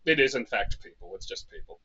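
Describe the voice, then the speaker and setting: A man acting as game master of a tabletop game, talking in a halting, hesitant way with many ums. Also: mid-range voice, very animated, crowd noise. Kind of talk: running a tabletop game over voice chat. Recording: dull lo-fi mic.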